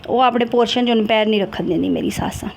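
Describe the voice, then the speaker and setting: A woman's voice: on the high side, fast, gravelly, darkish tone. A middle-aged woman, talking to her viewers in an emotional, confiding vlog. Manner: emotional, confiding, switches between Urdu and Punjabi. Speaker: vlogger. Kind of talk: personal vlog talk to viewers.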